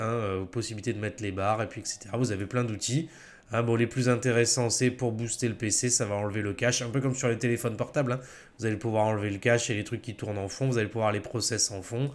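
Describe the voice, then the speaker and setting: A man with a French accent walks viewers through a software install in a casual tutorial, chatty and full of fillers, often correcting himself. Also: on the low side. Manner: chatty, many fillers and self-corrections, chuckles at own slips. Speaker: tech tutorial host.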